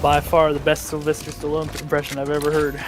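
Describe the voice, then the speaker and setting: A man chatting during a game, making teasing deadpan jokes. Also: a little high, fast talker, heavy background noise. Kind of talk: casual gaming chat.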